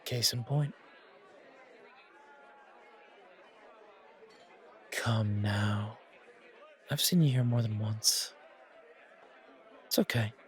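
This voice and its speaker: An audio roleplay voice actor with a lowish voice speaks slowly as a friendly, reassuring bartender at a supernatural bar, with bar crowd chatter behind him. His one-sided, naturalistic performance is easygoing and chatty, hesitant but soothing.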